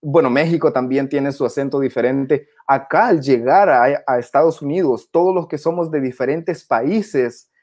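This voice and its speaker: A man's voice: medium pitch, normal speed, hardly any pauses, darkish tone. A man from Honduras hosting a casual crypto livestream, talking in a friendly, chatty way and calling his guest "brother". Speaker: host of a crypto channel.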